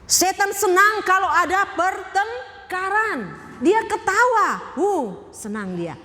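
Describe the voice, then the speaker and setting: A woman's voice: extremely high pitch, lively intonation, slow, sharp tone, long reverb tail. A woman pastor giving a sermon. She speaks emphatically, asks the congregation questions and repeats key phrases.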